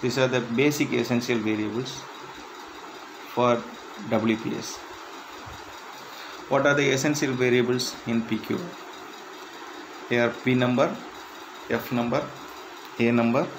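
A man reading interview questions and answers aloud in a plain, measured way, with slightly halting phrasing. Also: mid-range voice, steady tone, background noise. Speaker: instructor.

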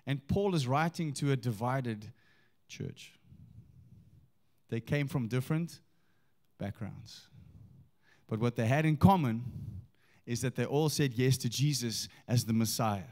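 A man preaching a sermon in a church. He reads scripture slowly and with weight and asks the congregation questions. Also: medium pitch, darkish tone. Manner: emphatic, engaging the congregation with questions.

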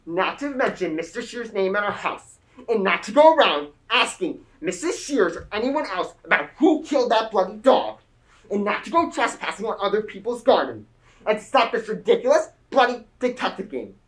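A young woman acting a literal-minded teenage boy on stage, speaking flatly and matter-of-factly. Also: mid-range voice, normal speed, natural voice, poor audio. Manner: flat, literal, matter-of-fact.

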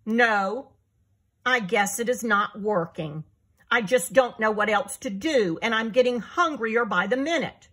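A woman voicing a grumpy, hungry male lion who snaps and shouts at everyone in a children's storybook. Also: a little high, a little slow, voice pushed up. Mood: glum. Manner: snapping, shouting.

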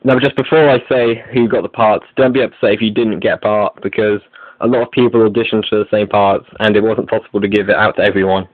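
This online update comes from a male host and video creator delivering announcements from a script. He talks quickly, pitched on the low side with fairly even intonation; no room sound, narrow lo-fi phone quality.

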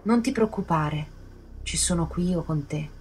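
A woman voicing an unhinged young woman in a horror story, shrill and mocking, swinging from sweet to cruel. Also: unhurried, darkish tone, breathy edge.

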